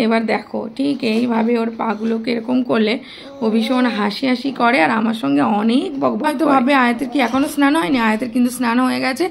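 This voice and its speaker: A woman's voice: on the high side, creaky. A young woman with a Bengali accent, a mother of two, chatting casually to her viewers in a home vlog. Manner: chatty, speaks softly at times so the baby stays asleep.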